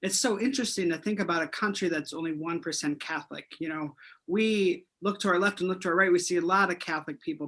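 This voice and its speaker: A man's voice: a little high, a bit bright. A man hosting an interview, chatty and friendly, often restarting his sentences. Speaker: interview host. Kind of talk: casual interview.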